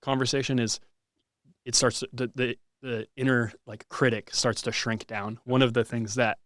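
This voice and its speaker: Man, mid pitch, podcast host, thinking aloud, self-deprecating, dry close sound. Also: level tone, moderate pace, a bit bright, dry recording. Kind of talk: casual reflective conversation.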